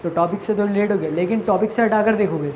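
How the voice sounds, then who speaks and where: This woman's voice sits in the mid range and sounds a little mellow, carrying a Pakistani Urdu accent. Teaching children in a recorded lesson, she asks questions and supplies the answers herself, going back over key points. Faint background noise is audible.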